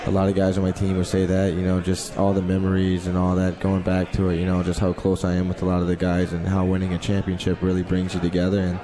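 Fast, low, flat-toned young man. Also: a crowd in the background. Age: young adult. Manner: frequent "you know" filler. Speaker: hockey player guest. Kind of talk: casual interview answers.

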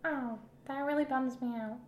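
A woman's voice: high voice, steady tone, normal speed, reverberant, lo-fi sound, lightly acted. A woman playing a young science-obsessed boy who talks eagerly and stumbles over words. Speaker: improv comedian. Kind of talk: improvised comedy podcast.

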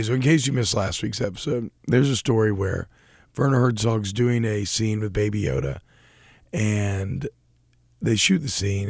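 A man's voice: fairly low pitch, creaky, a little mellow, dry recording, clean studio sound. A young man co-hosting a casual podcast, talking in a rambling, self-deprecating way with many restarts. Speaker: podcast co-host. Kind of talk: casual chat about a TV show.

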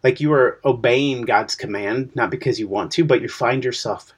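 Husky-voiced man explaining scripture. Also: medium pitch, normal speed. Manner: explanatory, poses questions to the listener. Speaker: podcast co-host. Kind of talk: casual Bible study discussion.

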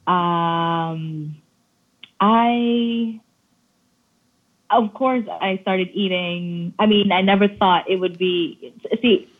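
A woman from the Philippines chatting casually as a guest, halting with frequent restarts. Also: lowish voice, steady tone. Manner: halting, warm, restarts often. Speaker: travel food vlogger guest. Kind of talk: casual chat. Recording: tinny phone-like line.

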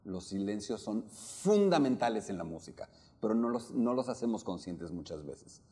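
A man with a Mexican accent giving a lively talk to a live audience, questioning listeners and acting out the melody of speech. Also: lowish voice, moderate pace. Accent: Mexican Spanish. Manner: animated, questions the audience, demonstrates intonation. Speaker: opera workshop lecturer.

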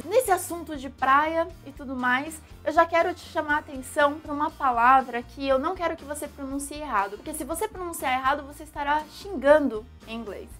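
A young Brazilian woman with a Brazilian Portuguese accent, an English teacher giving a lively, animated video lesson. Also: high-pitched.

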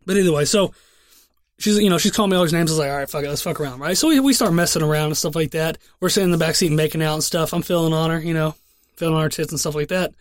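A man's voice: fairly high pitch, steady tone, rapid-fire, dry recording, clean studio sound. A young man co-hosting a podcast, telling a crude story in rambling, profane casual chat with lots of restarts. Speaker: podcast co-host.

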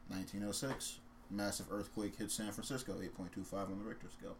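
A man's voice: on the low side, little pitch movement, quick pace, a little hiss or hum. A man co-hosting a casual talk show, laid-back as he reads out historical dates.

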